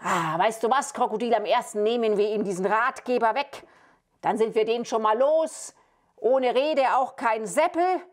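A woman's voice: on the high side, normal speed, natural voice. A woman puppeteer voicing a scheming male wizard who bosses everyone around and grumbles at his mistakes. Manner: bossy, grumbling. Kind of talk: Bavarian puppet show.

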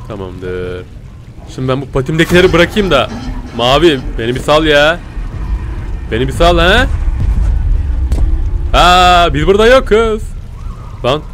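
A man giving casual Let's Play commentary, jumpy and excitable, swinging from tense whispers to loud yelps and talking to his viewers. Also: medium pitch, moderate pace, long pauses, a little hiss or hum. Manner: talks to viewers as "pisicikler". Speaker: gaming YouTuber.

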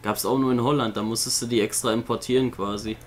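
A man's voice: medium pitch, steady tone, fast, slight background noise. Chatty young man gaming with a friend. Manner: chatty, laughs easily, banters. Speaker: gaming co-host. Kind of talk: casual let's-play chat.

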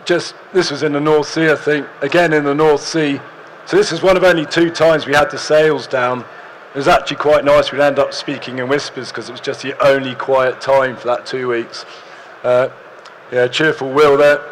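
A young man, slightly hoarse, giving an easygoing stage talk with dry humour in a large hall. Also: on the high side, steady tone, moderate pace, a little hiss or hum. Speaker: presenter.

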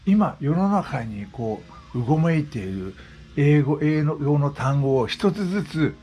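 A man's voice: a little high, lively intonation, unhurried, dark tone. A man in his sixties talking casually as a vlogger, explaining things with repeated examples. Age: 60s. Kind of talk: casual monologue. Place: West Oahu, Hawaii.

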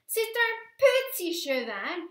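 A woman's voice: very high voice, sing-song, slow, roomy sound, voice pushed up, full character voice. A woman voicing a bold, adventurous big-sister girl who calls out eagerly and bosses her little brother. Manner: eager, bossy, calling out.

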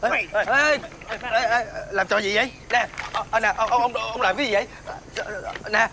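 A whiny, stammering young gambler. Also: male voice, high-pitched, normal speed, background noise. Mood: pleading. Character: feckless young male gambler son, whiny and cowardly. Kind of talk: TV fairy-tale drama acting.

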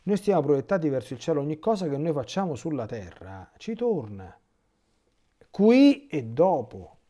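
An Italian man, a priest, giving a catechesis talk. He reads from a text and keeps breaking off into lively spontaneous asides. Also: fairly high pitch, moderate pace.

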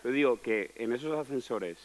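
A man's voice: mid-range voice, moderate pace. A man doing a rambling, improvised comic monologue on stage, repeating phrases and acting out people he overheard in bars. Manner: rambling, repetitive, acts out bar talk, swings from loud to mumbling. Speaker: stand-up comedian. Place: theater stage before a live audience.

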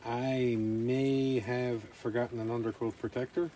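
A man's voice: medium pitch, level tone, measured pace, dark tone. A man rambling casually to camera as he narrates a camping vlog outdoors. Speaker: camping vlogger. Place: outdoors at a rainy campsite. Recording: faint outdoor ambient noise.

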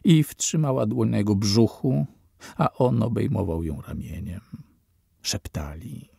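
Slow, gravelly male audiobook narrator. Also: lowish voice, no room sound, clean studio sound. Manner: slow, measured reading with falling, quiet endings. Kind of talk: scripted narration.

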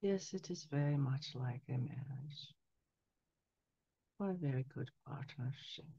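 Slow, creaky older woman channeling like a medium. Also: a bass voice, dark tone, no room sound. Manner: seance medium delivery, solemn, measured phrases with long pauses. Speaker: trance channeler. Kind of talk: trance channeling, spiritual message. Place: small candlelit room indoors. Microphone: headset boom mic. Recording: dull, lo-fi headset sound.

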